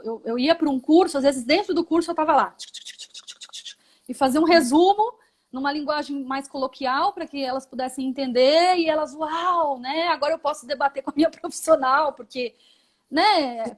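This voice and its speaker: A Brazilian woman, a physiotherapist and mother, explaining her path in a live interview, reflective, with many tag questions. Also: high voice. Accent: Brazilian Portuguese.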